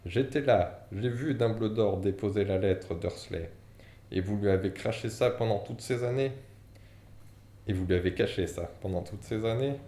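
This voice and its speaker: A man voicing a huge, quick-tempered male half-giant gamekeeper, booming and indignant, in an audiobook reading with character voices. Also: warm tone, close to an everyday voice. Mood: angry. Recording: echoey room, faint background noise.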